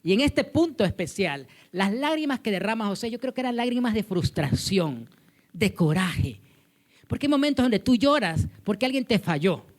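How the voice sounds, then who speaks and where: A man's voice: high voice, sing-song, a little fast, hardly any pauses. Man preaching a sermon with anecdotes. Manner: preaching with personal anecdotes and humor, swelling louder on key points. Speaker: pastor. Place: church service with a congregation.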